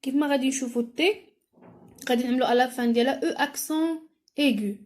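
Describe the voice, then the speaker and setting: A woman with a Moroccan accent, explaining a French lesson and reading sentences slowly and carefully, as in a dictation. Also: sits high, darkish tone. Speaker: teacher.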